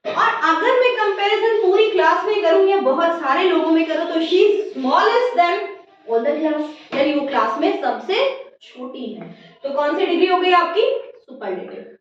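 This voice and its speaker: A woman teacher explaining grammar slowly in a classroom lesson, often checking whether her students have understood. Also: very high-pitched, animated, slight background noise. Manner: addresses listeners as "beta" in a motherly teacher way. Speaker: English teacher. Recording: echoey room, distant mic, dull sound.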